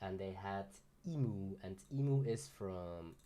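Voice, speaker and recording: A man's voice: low voice, expressive, unhurried, warm tone, dull audio. Young man commentating a card game. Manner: casual, rambling, with many fillers and laughs. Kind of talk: livestream commentary.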